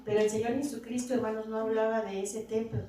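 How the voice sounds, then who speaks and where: A woman's voice: fairly high pitch, little pitch movement, fast talker, dark tone. A woman preaching a sermon in a church, often calling out to her "brothers" and asking "right?", her voice climbing to emphatic peaks. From Latin America. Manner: repeats "hermanos" and "verdad" constantly, rising to emphatic peaks. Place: church hall. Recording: very echoey hall, mic from far off, faint noise.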